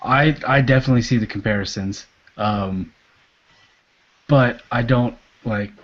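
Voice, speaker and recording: Male podcast co-host, mid-range voice, relaxed and hesitant, dull lo-fi recording. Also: mid-range voice, measured pace. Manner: laid-back, hesitant, many fillers, trails off quietly. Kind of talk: casual chat.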